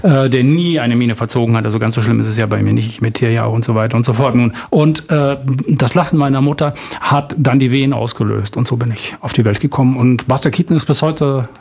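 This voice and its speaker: A male comedian from Berlin with a steady, mid-pitched voice, delivering dry, deadpan quips as an interview guest. He talks calmly with small pauses. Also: vocal fry. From West Berlin. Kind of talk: casual interview chat.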